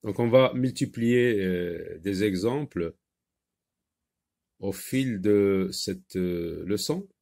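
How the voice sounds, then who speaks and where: Middle-aged guy teaching phonics to kids, slow and patient, keeps repeating the sounds. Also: lowish voice, lively intonation, creaky, darkish tone. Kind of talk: French phonics lesson for children.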